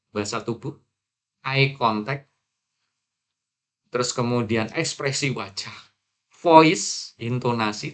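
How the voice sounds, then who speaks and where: A man's voice: medium pitch, a bit bright. Man lecturing, conversational. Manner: conversational, frequent filler tags and rhetorical questions; mixes English terms into explanations. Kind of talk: university lecture on presentation skills.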